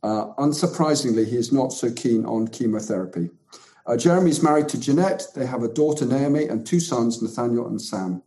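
A man's voice: medium pitch, brisk, warm tone, rough recording. A man hosting an interview podcast, speaking a little hesitantly and repeating his phrases. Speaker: podcast host.

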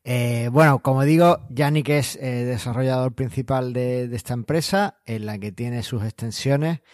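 A man's voice: medium pitch, normal speed, no echo, studio quality. Chatty man hosting a podcast. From Spain. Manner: relaxed, chatty, many fillers. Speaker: podcast host. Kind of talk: casual podcast chat.

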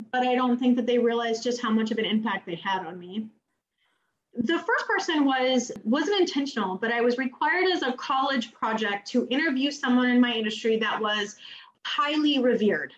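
An American woman speaks earnestly and with heartfelt feeling, her voice set a little high. The sound is roomy and muffled, like a remote recording. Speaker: swim instructor, guest. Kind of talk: casual conversational interview.

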